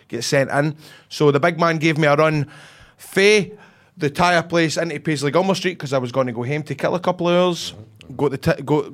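Broad Scottish man, higher-pitched voice. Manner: colloquial, sweary storytelling with acted-out dialogue. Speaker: podcast host. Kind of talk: ranting comic anecdote, casual chat.

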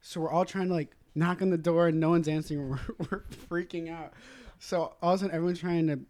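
A man's voice: a little high, fairly even intonation, quick pace, darkish tone. A man in his late twenties, co-hosting a podcast in casual chat, telling stories with frequent laughter and swearing. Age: 20s. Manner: laughing storyteller, swears freely. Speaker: podcast co-host.

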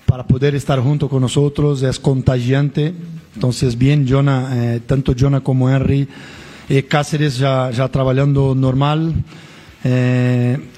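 A man giving unscripted football interview answers, halting as he searches for words. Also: medium pitch, dark tone.

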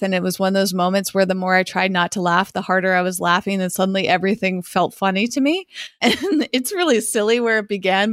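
A woman co-hosting a podcast in a casual, chatty style, musing aloud with animated asides. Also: medium pitch, smooth, no room sound, studio quality. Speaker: podcast co-host. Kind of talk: casual chat.

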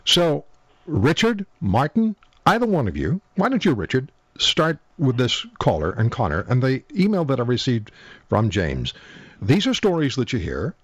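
A male talk radio host moves briskly between his callers and guests. His pitch is lively and varied. The studio sound is close and dry. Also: breathy edge, no room sound. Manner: brisk, moderating.

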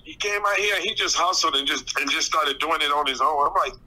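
Bright-voiced man over a speakerphone. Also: a little high, brisk, poor audio. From Wilson, North Carolina. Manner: relaxed, chuckling storyteller. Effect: heard over a phone on speaker. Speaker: phone-in guest. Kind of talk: casual chat. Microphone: phone on speakerphone.

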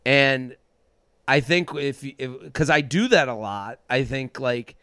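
A man talks in a rambling, self-deprecating way, stopping and restarting his thoughts. His voice sits at an ordinary pitch. The sound is dry and close. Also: slow pace, bright, forceful tone, smooth, dry recording. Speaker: guest. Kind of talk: candid conversation.

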